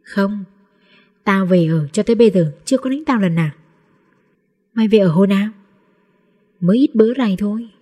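A timid, easily frightened little boy who speaks in a hushed voice, read by a woman in a storybook. The tone is soft, dark and a bit husky. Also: medium pitch, fairly quick, long pauses, lightly acted. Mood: curious. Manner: quiet, hushed.

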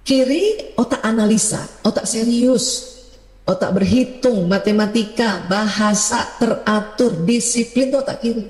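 A middle-aged woman preaches on parenting in a lively way, slipping into the voices of parents and children and posing rhetorical questions. Her voice rings through a roomy hall with a long, trailing reverb. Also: on the high side, a little slow, soft background music. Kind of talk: religious talk on parenting.

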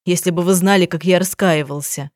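A woman's voice: lowish voice, moderate pace, a little mellow, no echo, clean studio sound, close to an everyday voice. A woman reading the lines of a grieving, remorseful young husband who keeps exclaiming in an audiobook. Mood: anguished. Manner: agitated, exclaiming. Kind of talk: audiobook dialogue.

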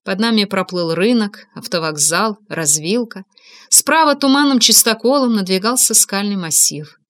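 Female audiobook narrator, mid pitch, bright forward tone, steady expressive read. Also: normal speed. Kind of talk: scripted first-person narration.

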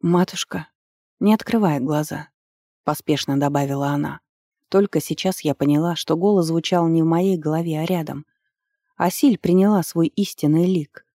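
Brief: woman audiobook narrator, dark mellow timbre, steady storytelling delivery. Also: low-pitched, normal speed, no echo, studio quality. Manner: even, storytelling delivery with lively lifts on dialogue. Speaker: audiobook reader. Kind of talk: first-person fantasy audiobook narration.

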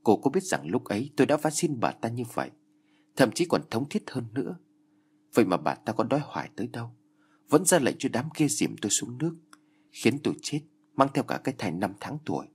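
A man's voice: mid-range voice, very animated, brisk, slightly rough. A man voicing the pained, vengeful ghost of a young woman. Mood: bitter. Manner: pained, bitter and accusing.

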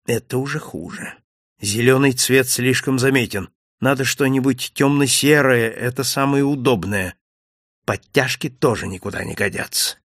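A man voicing a calm, didactic Italian male detective in an audiobook reading, speaking in a lecturing, commanding manner. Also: medium pitch, moderate pace, no echo, studio quality, lightly acted. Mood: instructive.

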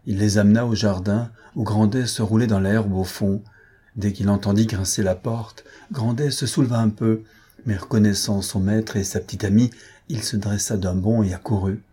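Man reading a story aloud, low voice, husky, dark and mellow, measured. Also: steady tone. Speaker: narrator.

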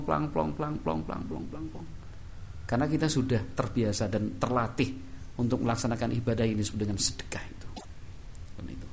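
A man's voice: mid-range voice, vocal fry, a little hiss or hum. A middle-aged man with a Javanese accent giving a religious study lecture in a casual, conversational way. He acts out everyday dialogue and keeps coming back to a small verbal tic. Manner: conversational, acts out quoted dialogue in shifted voices; repeats "kan itu" as a verbal tic. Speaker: preacher.

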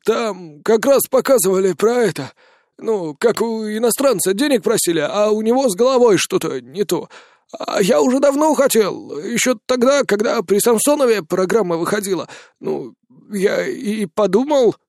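A man's voice: sits high, expressive, moderate pace, a little mellow, no room sound, clean studio sound, voice pushed up. A man reading an audiobook, voicing a flustered elderly father who rambles in a simple, hesitant way. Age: older.

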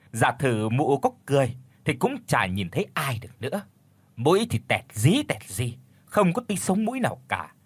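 A man narrating a village horror story in a lively, gossipy way. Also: mid-range voice, slightly rough, no room sound.

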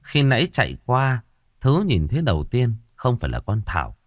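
A man telling a ghost story with dramatic flair. His pitch moves a lot as the tension builds, and the recording is dry and close, with no room sound. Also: moderate pace, no room sound. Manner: dramatic, expressive. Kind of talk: horror story narration.

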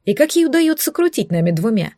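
A woman's voice: on the high side, very animated, quick pace, dark tone, no echo, studio quality. A woman voicing a teasing young adult brother who snorts and bosses others around. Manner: mocking, bossy.

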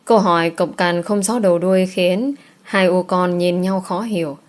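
A woman narrating a romance novel aloud in a steady storytelling manner. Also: fairly low pitch, normal speed.

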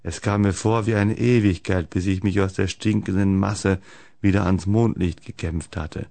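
A man reading the lines of a talkative, sturdy female X-ray nurse in a deep voice. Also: fairly even intonation, normal speed, gravelly, warm tone, dry recording. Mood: chatty. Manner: talkative, tops every story.

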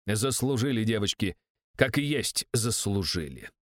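A man's voice: on the low side, very animated, measured pace, fairly bright tone, no room sound. A man voicing a contemptuous, bullying older male secret police official. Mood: menacing.

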